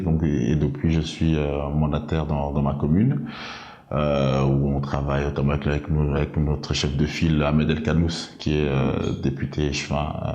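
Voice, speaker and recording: Low-voiced hesitant man in his thirties. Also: warm tone, reverberant, dull audio. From Congo. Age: 30s. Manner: halting, many fillers and restarts. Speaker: interview guest, local politician. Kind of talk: hesitant interview answers.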